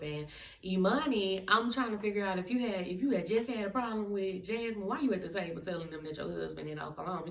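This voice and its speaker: A woman's voice: lowish voice, a bit bright, far from the mic. A woman giving a sassy, blunt, emphatic casual review of a reality TV episode. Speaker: reality TV recapper. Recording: echoey room, off-mic.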